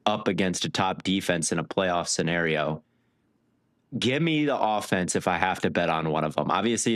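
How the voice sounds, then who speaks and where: A man co-hosting a casual sports podcast, walking through stats with lively analysis. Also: low voice, dry recording, studio quality. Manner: stat-heavy, animated analysis. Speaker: podcast co-host.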